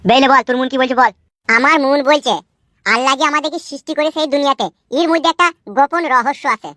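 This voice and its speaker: A woman's voice: sits high, steady tone, fast, bright, forceful tone, dry recording, studio quality. A woman voicing an earnest brooding young man. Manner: earnest, preachy, rambling. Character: young uneducated man brooding on life's meaning.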